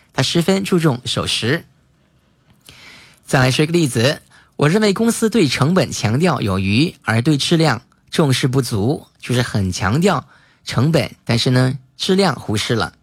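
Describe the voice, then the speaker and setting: A man teaching English in a lesson, reading example sentences slowly and spelling words letter by letter. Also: mid-range voice, breathy edge, dry recording. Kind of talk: bilingual language lesson.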